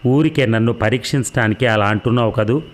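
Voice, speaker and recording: A man's voice: mid-range voice, brisk, lightly acted. A man voicing a young woman in love, pleading and tearful, in an emotional reading of a novel.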